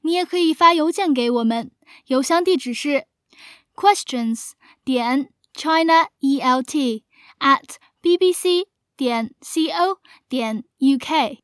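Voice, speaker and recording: A woman host giving a scripted radio lesson, explaining clearly and slowing down for examples. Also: high-pitched, lively intonation, no room sound, clean studio sound. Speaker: English teacher and host.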